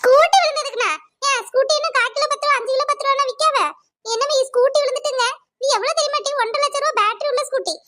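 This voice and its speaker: A woman playing a shrill, indignant young villager. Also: rapid-fire, pushed and bright. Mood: scornful. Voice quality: shrill, accusing. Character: indignant young village woman, angry over her new scooter.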